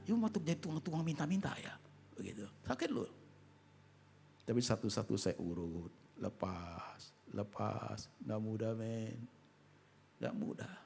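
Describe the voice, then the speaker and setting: Impassioned male pastor, preaching with English asides; gravelly tone, roomy auditorium sound. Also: medium pitch, a little hiss or hum. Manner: mixes English phrases into his preaching; impassioned, swinging between loud exhortation and hushed asides. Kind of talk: sermon. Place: large church auditorium. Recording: echoey hall with soft music behind.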